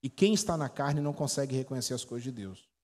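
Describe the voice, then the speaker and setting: Quick-paced, medium in pitch and darkish in tone, a Brazilian man in his forties preaches with a Brazilian Portuguese accent. As a pastor, he tells stories and quizzes his congregation in a chatty teaching sermon, recorded in an echoey church hall.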